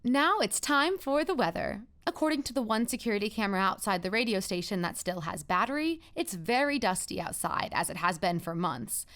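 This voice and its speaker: A woman plays a female radio host broadcasting after the end of the world in a comedy audio drama. Her voice is clear and mid-pitched. She chats along with wry, self-deprecating humor and an awkward brightness of manner. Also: lively intonation, a little fast, few pauses, close to an everyday voice. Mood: upbeat deadpan. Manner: wry, awkwardly upbeat, rambling. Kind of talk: scripted comedic radio monologue, chatty.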